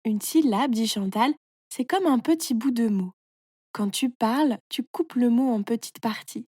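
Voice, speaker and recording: Woman as wise caterpillar referee, storybook, calm, patient, fairly high, dry close sound. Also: unhurried, slightly rough, no echo.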